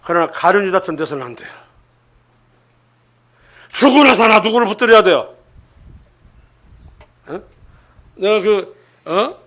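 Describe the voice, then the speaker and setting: An older male preacher with a notably high voice delivers a church sermon. He keeps putting rhetorical questions to the congregation, pressing emphatic points loudly and then dropping into hushed asides. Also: animated, measured pace, pauses often. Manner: swings between emphatic loud lines and hushed asides.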